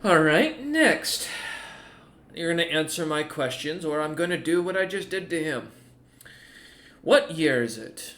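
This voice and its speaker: A man playing a cold, commanding woman, forceful delivery. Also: on the high side, expressive, measured pace, long pauses. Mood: threatening. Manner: curt, domineering drill-sergeant orders. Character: cold, commanding, menacing woman interrogating her captives.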